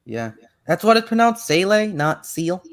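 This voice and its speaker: A man hosting a laid-back online podcast with friends. His voice sits slightly high for a man. He rambles and restarts, stacking "like" and "is that" as he hunts for words. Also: sing-song. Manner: rambling, halting, heavy on "like" restarts. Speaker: podcast host. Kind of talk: casual online podcast chat.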